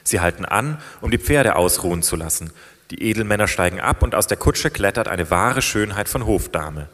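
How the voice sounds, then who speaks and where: A man narrates a tale in a calm, measured storytelling voice. His voice sits low, and a long reverb trails after his words as if in a large hall. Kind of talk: read-aloud story narration.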